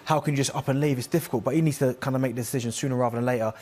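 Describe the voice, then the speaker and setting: Very fast-talking football pundit, male. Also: mid-range voice, a little mellow.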